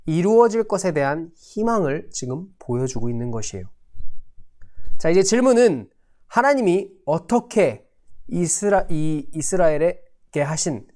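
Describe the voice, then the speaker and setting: A man, a pastor, teaching a Sunday school Bible lesson, reading scripture slowly and telling stories with big swings in pitch and loudness. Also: big pitch swings. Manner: slow, deliberate scripture reading.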